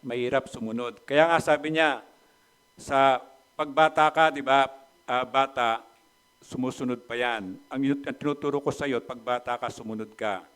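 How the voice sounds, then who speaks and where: A middle-aged man from the Philippines preaching a sermon. He often asks the congregation questions, and his voice swings between loud, emphatic bursts and quiet asides. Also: medium pitch, fairly even intonation, moderate pace, clear, resonant tone. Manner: mixes Tagalog with English phrases, asks the congregation questions. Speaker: pastor.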